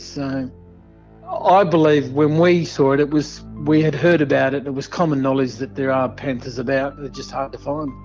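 A man's voice: fairly high pitch, darkish tone. A man recalling an experience in a hesitant, reflective way. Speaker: interviewee. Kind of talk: casual recollection. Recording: dull lo-fi audio with faint music.

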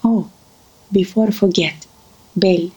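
An actress playing a warm, motherly older woman who speaks gently and affectionately. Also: medium pitch, fairly even intonation, a little slow, breathy edge, rough recording. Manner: gentle, affectionate, calls others darling. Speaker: family friend. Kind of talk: drama acting.

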